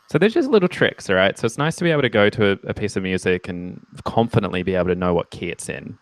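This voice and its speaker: Gravelly, playful male music teacher. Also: fairly low pitch, expressive, brisk, no room sound. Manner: playful, jokey asides and self-teasing; chatty explaining with many ums and okays. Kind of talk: casual one-on-one lesson.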